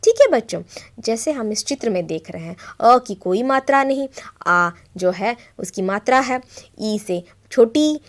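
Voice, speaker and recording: A woman's voice: fairly high pitch, animated. A woman teacher giving a televised grammar lesson to children, asking them questions and answering them herself, drawing out letter sounds one by one. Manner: explains slowly, often asks children questions and answers herself.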